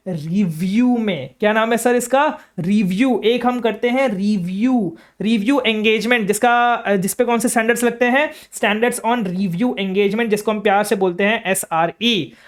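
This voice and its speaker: A young Indian man teaching an accounting exam revision lecture, asking his own questions and repeating key terms. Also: extremely high pitch.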